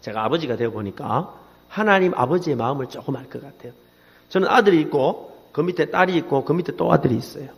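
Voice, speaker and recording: Lively Gyeongsang pastor preaching in a reverberant church. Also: male voice, a little high, fast, gravelly. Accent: Gyeongsang Korean. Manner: animated storytelling, calls on the congregation to repeat. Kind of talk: sermon. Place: church sanctuary. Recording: long reverb in a church hall.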